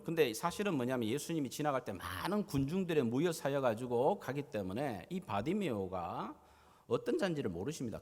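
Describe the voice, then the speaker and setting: A man preaching a sermon as pastor, dramatic, swinging his loudness and pitch as he acts out scenes. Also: big-room sound. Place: church sanctuary.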